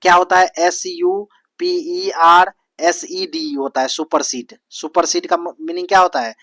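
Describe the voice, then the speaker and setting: A coaching teacher runs a spelling lesson. The teacher spells each word out letter by letter, repeats it over and over and keeps asking rhetorical questions. The voice sits at a middling pitch, recorded close and dry with no room sound. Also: expressive, a little slow, a bit bright, no room sound. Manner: repetitive, drilling tone. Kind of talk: spoken lecture on spelling.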